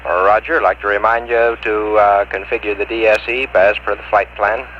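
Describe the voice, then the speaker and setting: Low-voiced man on a muffled radio link. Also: fairly even intonation, normal speed. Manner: clipped, procedural radio talk. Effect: muffled radio transmission. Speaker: mission control radio operator. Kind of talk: radio communications with spacecraft. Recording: dull lo-fi radio link with faint hiss.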